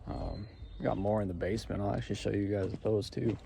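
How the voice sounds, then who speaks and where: A man's voice: on the low side, fairly even intonation, fast talker, creaky. A man talking casually to viewers in a rambling, laid-back, informal vlog style. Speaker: vlogger. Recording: some background noise.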